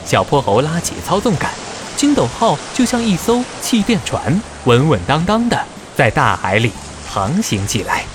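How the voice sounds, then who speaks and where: A man narrating a scripted children's story in a dramatic, expressive way. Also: on the high side, normal speed, background noise.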